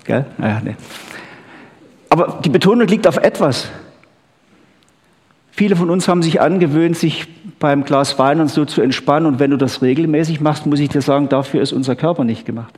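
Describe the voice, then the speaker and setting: A man's voice: a little high, brisk, darkish tone. A man preaching a chatty sermon, often checking in with the crowd with "gell?" and "ha?". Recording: long hall reverb.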